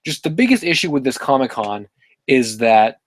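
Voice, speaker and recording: A man's voice: medium pitch, very animated, normal speed. A man hosting a casual live stream, reading chat and rambling with many fillers and self-corrections. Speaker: livestream host reading chat.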